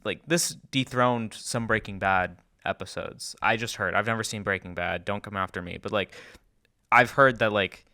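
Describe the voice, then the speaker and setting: A young man co-hosting a podcast, chatting in quick animated rambling bursts. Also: on the low side. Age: young adult. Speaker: podcast co-host. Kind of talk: casual chat.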